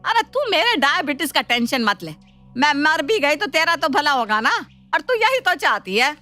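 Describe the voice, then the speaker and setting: A woman voicing a scheming, sharp-tongued mother-in-law who taunts and mocks her daughter-in-law in a cartoon story. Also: high-pitched, sing-song, normal speed, faint music behind, heavily acted. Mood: taunting. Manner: taunting, mocking. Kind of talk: cartoon voice acting.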